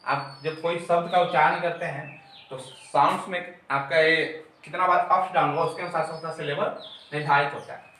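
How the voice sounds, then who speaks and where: A man's voice: on the high side, steady tone, moderate pace, bright, forceful tone, a little hiss or hum. A man teacher explaining a grammar lesson step by step, repeating his key terms. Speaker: English teacher. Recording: very echoey room, mic far off.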